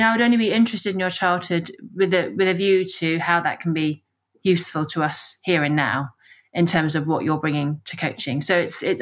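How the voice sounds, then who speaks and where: Low-voiced woman hosting a podcast. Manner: reflective, many affirming yeahs. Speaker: coach, podcast co-host. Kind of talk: casual conversational podcast chat.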